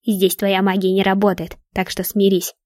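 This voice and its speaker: Brief: cruel dark witch, mocking and hissing, read by a woman, dry close sound. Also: mid-range voice, monotone, moderate pace, no room sound, close to an everyday voice. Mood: cold. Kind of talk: storybook reading.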